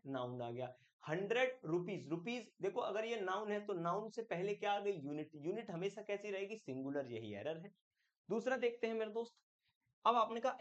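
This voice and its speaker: A man with a high voice teaches an exam-prep English grammar lesson in a chatty way, calling the viewer "my friend" and answering his own questions. The audio sounds dull.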